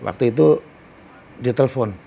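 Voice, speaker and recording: Gravelly, dark-voiced middle-aged man. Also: medium pitch, slight background noise. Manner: earnest and heartfelt, slow and emphatic. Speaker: guest on a religious talk show. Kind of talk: personal testimony in conversation.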